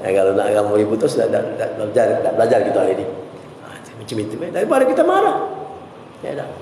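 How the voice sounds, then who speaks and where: A middle-aged male preacher gives a religious talk at an ordinary pitch. He tells stories with animated delivery and throws on mock scolding voices. The recording is very roomy, with a long hall reverb and faint ambience behind him. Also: racing, slight background noise. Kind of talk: religious lecture.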